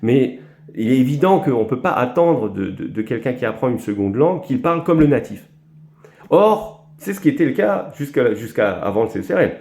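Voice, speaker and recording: A man from France explaining language learning in a lecture, halting often with fillers and repeated words. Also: medium pitch, big pitch swings, darkish tone, reverberant. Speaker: language teacher.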